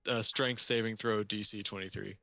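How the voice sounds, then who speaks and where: A man's voice: fairly low pitch, fairly even intonation, normal speed, bright, forceful tone, dry recording. A man in a tabletop game, speaking in a casual, matter-of-fact way. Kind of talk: tabletop role-play chat. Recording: dull lo-fi mic.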